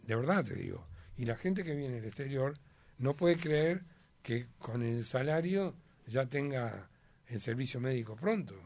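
A man's voice: medium pitch, lively intonation, a little slow, vocal fry, darkish tone, dry recording. Uruguayan man, emphatic rambling guest, dry close sound. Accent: Uruguayan Spanish. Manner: rambling, emphatic, many fillers. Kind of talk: casual chat.

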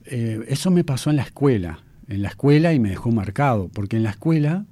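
Uruguayan man in his fifties, mellow. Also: mid-range voice, lively intonation, brisk, no echo. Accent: Uruguayan Spanish. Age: 50s. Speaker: guest, mentalist. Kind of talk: storytelling in a talk-show interview.

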